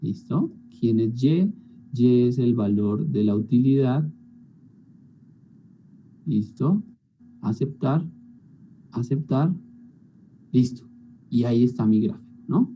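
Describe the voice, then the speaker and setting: Taking it slowly with long pauses, a male teacher talks students through spreadsheet steps in an online class, often asking if they're following. His mid-range voice is warm and expressive, though the rough recording carries a little hiss or hum.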